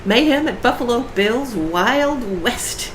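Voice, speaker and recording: A woman author, a guest on a casual panel podcast, chats talkatively and explains at length. Her voice is a little high and animated, but her pace is slow. The room sounds roomy, with a faint hiss.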